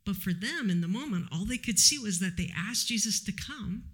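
A man preaching a sermon, reflective and measured, teaching with pauses. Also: sits high, animated, pushed and bright, slightly rough.

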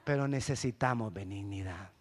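A middle-aged male pastor preaching a sermon, lively and emphatic, acting out the church members he quotes. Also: fairly low pitch, moderate pace. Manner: animated preaching, rising to loud emphatic peaks.

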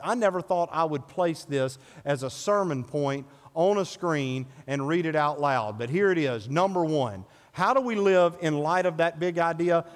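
A man, a pastor, reading scripture aloud and then preaching a sermon to his congregation. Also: on the high side. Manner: builds to raised, emphatic preaching. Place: church sanctuary. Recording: long hall reverb.

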